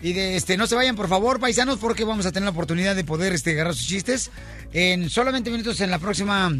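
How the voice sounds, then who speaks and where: A male radio host, trading loud jokes with his co-hosts and rattling off fast promos. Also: high-pitched, soft background music. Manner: loud, joking, shouts punchlines, rapid promos. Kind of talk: radio morning show banter.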